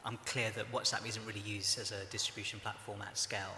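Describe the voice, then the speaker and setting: A man speaking on a conference panel, explaining at length in a measured way with many fillers. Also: on the low side, level tone, pushed and bright. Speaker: panelist from a broadcaster's social news team. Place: conference hall, live panel. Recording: echoey hall with faint noise.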